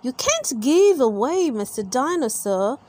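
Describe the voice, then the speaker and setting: A woman's voice: high-pitched, very animated, a little slow, darkish tone, exaggerated voice. A woman voicing a sensible, teasing mother pig in a children's storybook, matter-of-fact. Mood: protesting. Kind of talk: children's storybook read-aloud.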